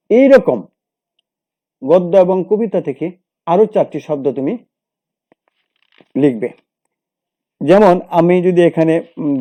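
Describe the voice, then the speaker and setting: A man talks through a lesson in a steady, methodical way, repeating each rule and walking through example after example. His voice sits a little high, but the tone is very dark and mellow. He stops to correct himself now and then. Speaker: teacher. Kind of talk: explaining a grammar lesson.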